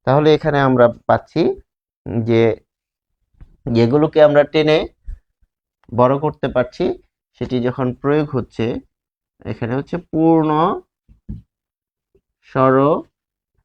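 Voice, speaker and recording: A man teaching a grammar lesson, explaining slowly and repeating words while drawing out their sounds. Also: medium pitch, steady tone, muffled recording.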